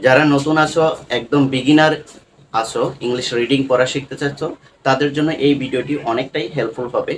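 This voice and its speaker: A man's voice: mid-range voice, fairly even intonation, fairly quick, a little hiss or hum. A man teaching English reading and spelling in an online lesson, breaking words into syllables and repeating them.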